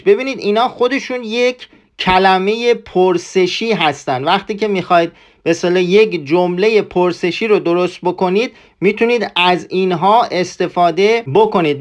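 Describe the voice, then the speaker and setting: A man teaching German grammar and pronunciation in a patient way, repeating each point. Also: sits high. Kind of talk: explaining a language lesson.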